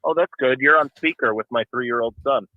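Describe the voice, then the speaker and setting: A man's voice: medium pitch, fairly quick, no room sound. A man calling in over a phone speaker, chatting in a friendly, easygoing way. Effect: heard over a phone speaker. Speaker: phone guest. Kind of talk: casual chat. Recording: tinny phone line.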